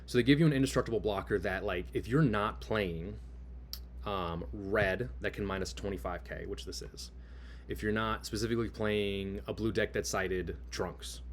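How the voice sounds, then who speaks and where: A man's voice: on the low side, normal speed, a little hiss or hum. A man giving a casual, enthusiastic card review, gushing as he explains and leaning on key words for emphasis. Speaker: card game content creator.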